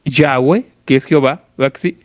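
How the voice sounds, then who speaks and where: Speaking a little fast in a medium-pitched voice, a Mexican-accented preacher explains scripture conversationally in an informal sermon with Bible reading. He keeps checking that his church audience follows along. The recording is studio quality with no echo.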